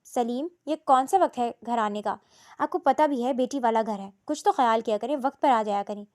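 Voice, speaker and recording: A woman's voice: on the high side, a little mellow, close to an everyday voice. A woman voicing a stern, worried middle-aged mother who speaks firmly and reproachfully in a storybook reading.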